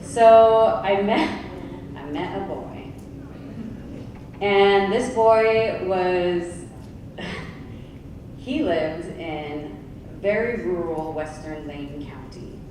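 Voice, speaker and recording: A woman's voice: lowish voice, very slow, pauses often, darkish tone. Echoey, distant woman speaking in a hall. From Oregon, United States. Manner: candid, conversational, with asides. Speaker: panelist. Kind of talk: conference panel introduction. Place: large conference hall. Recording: echoey hall, from far off, with noise.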